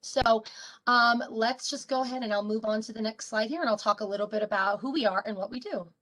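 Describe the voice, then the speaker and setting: A woman's voice: fairly high pitch, brisk, fairly bright tone. Upbeat woman program director presenting. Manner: upbeat, friendly, with light ums. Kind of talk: virtual meeting presentation.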